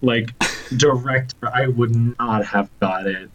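A man co-hosting a podcast in casual chat, excitable, laughing often and swearing now and then. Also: mid-range voice, takes it slowly. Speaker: podcast co-host.

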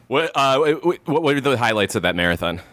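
A man's voice: medium pitch, big pitch swings, brisk, a bit bright, no room sound. A man hosting a casual film podcast, laughing often and making jokey asides. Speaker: podcast host. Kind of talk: casual chat.

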